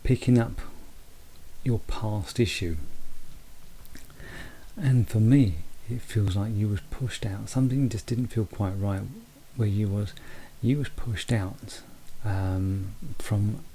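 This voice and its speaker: A man giving a halting, personal psychic reading, speaking quietly close to the mic as if others are asleep in the house. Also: lowish voice, steady tone, slight background noise, poor audio. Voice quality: hushed, quiet late-night voice. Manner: speaking quietly so as not to wake sleepers; halting, repeats and rephrases phrases. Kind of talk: unscripted one-to-one spoken reading. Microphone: very close to the mouth.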